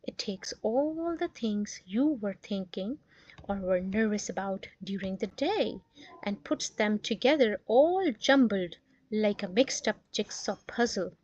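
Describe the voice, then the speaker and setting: A woman voicing a gentle mother bear in a storybook reading, soothing and explaining calmly. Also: mid-range voice, a little slow, no room sound. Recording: dull lo-fi dry recording.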